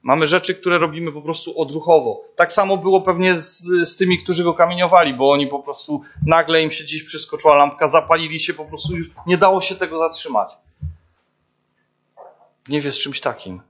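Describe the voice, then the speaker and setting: A man's voice: a little high, a little fast, fairly bright tone. A young man giving an informal sermon, searching for words with many fillers and restarts, often turning to the listeners. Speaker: preacher.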